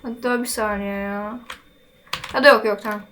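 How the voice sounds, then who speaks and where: A woman's voice: medium pitch, fairly even intonation, fairly bright tone, slight background noise. A woman giving casual gameplay commentary, chatting to herself and her viewers while she builds. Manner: chatty, talks to herself while playing, quick exclamations. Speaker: gaming channel host.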